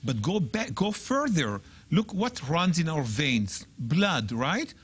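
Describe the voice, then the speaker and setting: Husky-voiced man, lively pitch, emphatic guest teacher who sounds words out. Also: takes it slowly. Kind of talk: animated teaching in a TV talk show.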